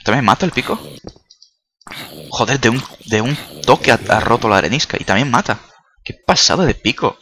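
Animated and a little fast, with long pauses, a man in his mid-range voice narrates a let's-play, his delivery pushed and bright. He's a gaming video creator and non-native Spanish speaker who chats, jokes, swears a lot, and blurts out startled reactions. Slight background noise can be heard.

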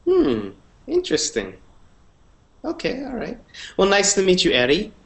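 Lively upbeat male teacher. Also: high voice, unhurried. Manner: upbeat, repeats short phrases. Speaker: English teacher. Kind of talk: online class introductions. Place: indoor room, video call. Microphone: earphone headset mic.

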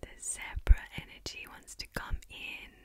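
Slow whispering woman fortune teller, ASMR. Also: dark tone. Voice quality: breathy, unvoiced whisper. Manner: mystical fortune-teller manner, soothing, slow, with long pauses. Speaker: ASMR tarot reader and energy healer. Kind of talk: whispered ASMR spiritual guided tarot reading. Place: indoors, close in front of a hanging tapestry. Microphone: desktop condenser microphone, very close.

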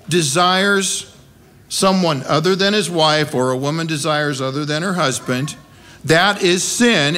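High-pitched, pushed, and bright, a middle-aged or older American man's voice fills a small wooden-walled church from the pulpit. His sermon is conversational but emphatic, built around rhetorical questions, and he speaks into a gooseneck microphone.

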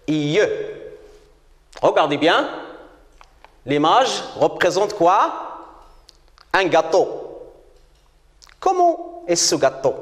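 Slow, lively-pitched male teacher in an echoey room. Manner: slow, repeats words and praises often. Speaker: primary school teacher. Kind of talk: slow classroom reading lesson. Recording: roomy echo with long reverb.

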